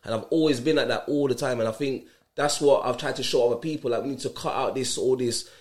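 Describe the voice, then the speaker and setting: A man's voice: mid-range voice, quick pace. South London man, emphatic street talk. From south London, England. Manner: street slang, emphatic repetition. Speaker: interview guest, community mentor. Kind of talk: casual, earnest interview talk.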